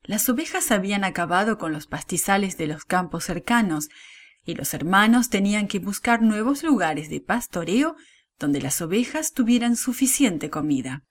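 A woman narrates a children's Bible story, speaking straight to young listeners. Her voice is lively and sing-song, rising and falling with the story, at a medium pitch. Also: moderate pace. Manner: warm, expressive storytelling to kids.

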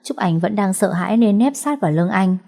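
A woman storyteller reading a story aloud in a calm, even, scripted way. Her voice is mellow and darkly warm, with a middle pitch. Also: a little fast, creaky.

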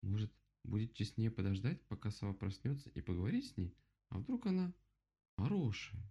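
A man voicing a calm, sensible female bear in a children's storybook, soft and timid. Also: medium pitch, normal speed, creaky, breathy edge, dull audio, pitched above the performer's own voice, full character voice. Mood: gentle.

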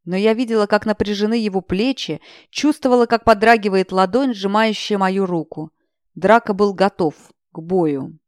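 A woman's voice: mid-range voice, normal speed, darkish tone, no room sound, studio quality. A woman narrating a fantasy audiobook in the first person, expressively.

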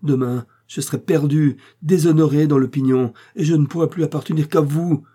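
A man's voice: fairly low pitch, normal speed, mellow, slightly rough. A man reading the lines of a proud young heiress who vehemently accuses a man, with scornful fervor.

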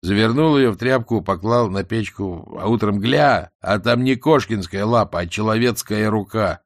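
A coarse country soldier barks orders and spins yarns in broad, folksy village speech, as a low-voiced storybook narrator plays him. The voice sits low and the recording is close and dry. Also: male voice, moderate pace, no room sound, lightly acted. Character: blunt rustic soldier, male, coarse and bossy.

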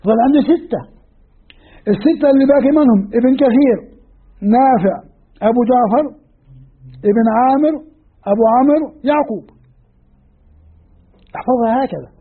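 Casual sheikh teaching, keeps asking the class questions, husky, sounds like it's over a phone line. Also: male voice, extremely high pitch, moderate pace, long pauses. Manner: questions students, counts and repeats lists. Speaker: sheikh teaching Quranic sciences. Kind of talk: classroom lecture. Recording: tinny phone-like lo-fi recording.

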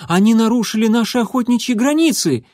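A man voicing a hostile young male warrior cat who shouts and hisses in a high, loud voice. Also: expressive, brisk, no echo, studio quality. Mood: angry. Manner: shrill, angry and hissing.

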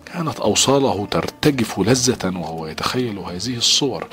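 Low-voiced male audiobook narrator. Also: animated, a bit bright, soft background music. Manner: measured, dramatic reading.

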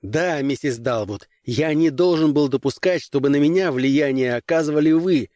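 A man's voice: on the high side, normal speed, a little mellow, no room sound, studio quality, pitched above the performer's own voice, natural voice. A male audiobook reader voicing an indignant young starship lieutenant who argues and barks orders heatedly. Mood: defiant. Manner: heated, defiant, barking.

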